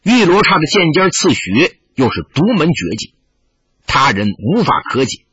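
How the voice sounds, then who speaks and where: A man reading a novel aloud as a storyteller in an expressive, dramatic manner, on a dull lo-fi recording. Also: on the high side, husky, no echo. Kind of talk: audiobook reading.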